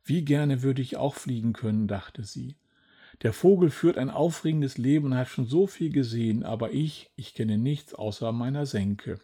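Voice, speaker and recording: A man voicing a calm, determined female turtle in a storybook reading, in an easy, steady manner. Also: medium pitch, normal speed, breathy edge, close to an everyday voice. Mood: wistful.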